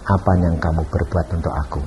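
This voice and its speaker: A man voicing a calm, tender, fatherly Jesus who speaks gently and calls her child. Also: low-pitched, fairly quick, a little hiss or hum, voice pushed down, lightly acted.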